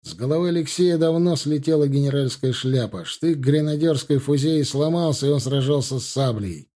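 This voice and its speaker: A man narrating a historical war novel as an audiobook, in a steady storytelling voice. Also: medium pitch, moderate pace.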